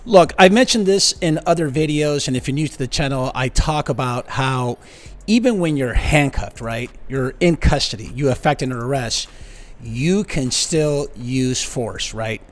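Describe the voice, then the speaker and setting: A man's voice: medium pitch, expressive, a little slow. A man in his fifties, a retired police sergeant, giving blunt, conversational commentary on a video.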